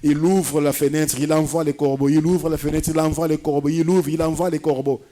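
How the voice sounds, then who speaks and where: A man's voice: on the high side, level tone, brisk, warm tone. Man preaching, raised voice. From Congo-Kinshasa. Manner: preaching with repeated phrases, mixing in Lingala. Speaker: pastor. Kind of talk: sermon and prayer. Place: church service.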